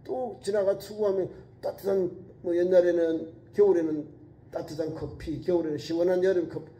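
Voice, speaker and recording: A man preaching a sermon with a high voice that stays deep-toned and mellow. He presses his points through repeated calls to act. He swings from raised, urgent lines to low, quiet asides. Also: fairly even intonation, moderate pace. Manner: emphatic preaching with repeated exhortations. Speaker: pastor. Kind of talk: sermon at a midweek prayer service.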